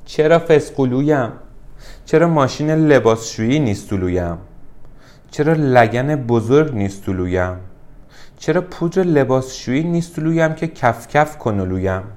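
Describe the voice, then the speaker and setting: A man's voice: medium pitch, lively intonation, a little mellow, pitched above the performer's own voice, close to an everyday voice. A man voicing a fussy little clothespin who hates being small and tacks a sing-song nonsense ending onto his words, in a children's story. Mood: whining.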